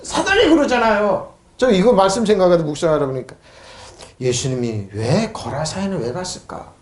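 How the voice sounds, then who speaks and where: A man's voice: sits high, very animated, moderate pace, reverberant. A male pastor preaching a sermon who keeps asking his congregation questions and answering them himself. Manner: mocks scoffers in a raised voice. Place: church sanctuary.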